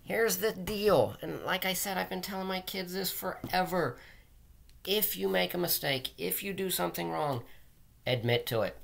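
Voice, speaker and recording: A middle-aged man with a high, gravelly, slightly bright voice speaks at a moderate pace. He is a teacher and school administrator reading aloud and giving plain advice to pupils in an earnest, emphatic way. The recording comes from a webcam at desk distance in a small room.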